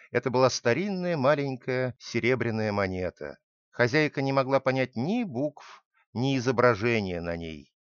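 Man reading a storybook out loud, voice goes up and down a lot, dry dull sound. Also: mid-range voice, no room sound. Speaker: narrator.

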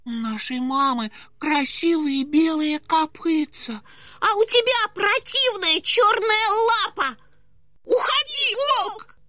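Small goat kids, squeaky and shrill. The voices sit very high and bright and move slowly. Soft music plays behind. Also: female voice, no echo, full character voice. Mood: defiant, scolding. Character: little goat kids, small, frightened and defiant.

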